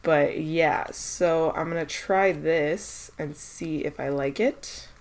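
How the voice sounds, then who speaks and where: Her voice low-pitched, slow, and a little mellow, a young beauty vlogger with a cold-stuffed nose talks through skincare samples in a casual product-testing vlog. She's chatty but unsure, thinking aloud with lots of filler words.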